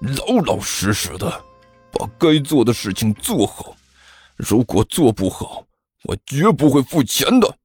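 A man voicing a vengeful, menacing rich schoolboy who speaks in slow, low threats. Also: wildly swooping pitch, a little mellow, husky, no room sound, soft background music, exaggerated voice.

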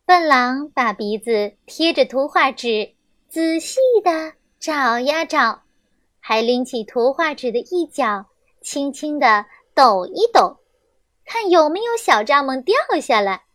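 A young woman reading a children's story aloud, gentle and expressive, on a close mic. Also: high-pitched, takes it slowly, no echo.

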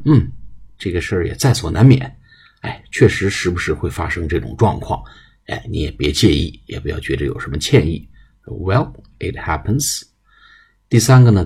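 A man teaching spoken English, explaining in Mandarin and slowly repeating short English phrases for listeners to copy. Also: deep voice, creaky, a little mellow, slightly rough. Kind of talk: spoken English shadowing lesson.

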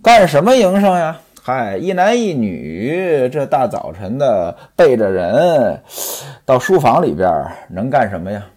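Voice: mid-range voice, sing-song, unhurried, darkish tone, husky. A storyteller retelling a classic novel in a chatty, traditional oral style, stepping out of the tale with asides to the listeners.

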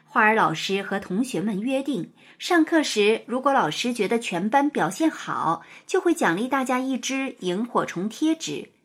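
Expressive woman storyteller. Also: on the high side, moderate pace, few pauses. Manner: expressive, sing-song storytelling. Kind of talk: children's story narration.

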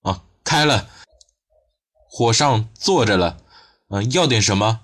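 A man's voice: fairly low pitch, lively intonation, slow pace, a bit bright, full character voice. A polite young shopkeeper, voiced by a male narrator who stumbles a little as he talks. His voice stays close to an everyday man's. An audiobook character. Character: young man running a snack shop, polite and flustered.

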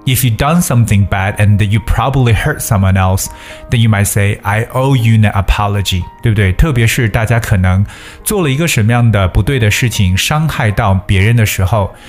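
Low-voiced man teaching English phrases. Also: soft background music. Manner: explains patiently, repeats phrases slowly for practice. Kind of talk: bilingual English lesson.

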